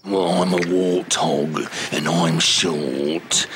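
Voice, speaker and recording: A man voicing a short, grumbling warthog in a children's story, gruff and grunting. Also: low-pitched, fairly even intonation, drawn-out words, a bit bright, slight background noise, voice pushed down, full character voice.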